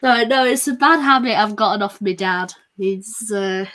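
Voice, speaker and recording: A woman's voice: mid-range voice, normal speed, fairly bright tone, rough recording. A woman from England chats casually with friends on her stream. She is playful and laughs often, at times slipping into a mock Scottish voice. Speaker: streamer hosting a voice chat. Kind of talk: casual voice chat.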